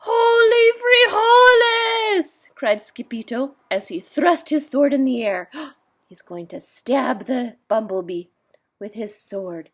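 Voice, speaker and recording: Slow, gentle children's book reader, woman. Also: fairly high pitch, breathy edge. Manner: pauses to explain the story to young listeners. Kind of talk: read-aloud storytime.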